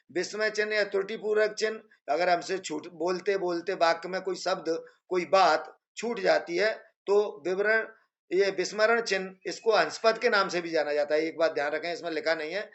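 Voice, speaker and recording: A male teacher giving a screen-based grammar lesson, explaining patiently and repeating examples slowly. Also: sits high, a bit bright, lo-fi sound.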